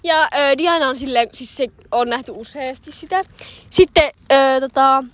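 A young woman co-hosting a casual chat, telling animated anecdotes with frequent laughter and fillers. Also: high-pitched, dry recording. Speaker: co-host.

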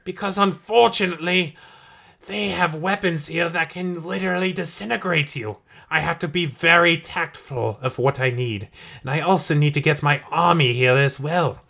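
A haughty dark lord from another realm, as a man puts him on, pompous and theatrical. His voice sits a little high, with a gravelly rasp and a bright, hard edge. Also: moderate pace, exaggerated voice. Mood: scheming.

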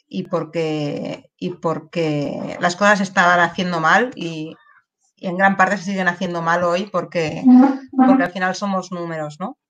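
A woman's voice: fairly low pitch, a bit bright. A woman, a guest in an interview, speaking candidly and emotionally with many restarts and tag questions. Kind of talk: personal testimony in an interview.

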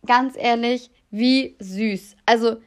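A young woman in her twenties casually telling dating stories to her viewers, animated and dramatic, often laughing. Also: a little high, slow. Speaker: vlogger.

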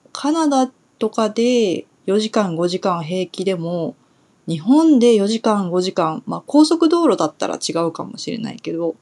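A young woman from Kumamoto in Japan, talking through a relaxed solo Japanese lesson in a chatty way, pausing on soft fillers as she thinks aloud. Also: medium pitch. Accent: standard Japanese. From Kumamoto, Kyushu, Japan. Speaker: Japanese teacher.

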